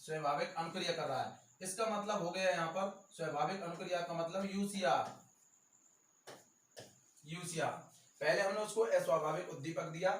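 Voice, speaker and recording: A male teacher with a Rajasthani accent gives an exam-prep lecture, repeating key terms slowly and stressing them. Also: fairly high pitch, slight background noise. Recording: echoey room, voice from far off.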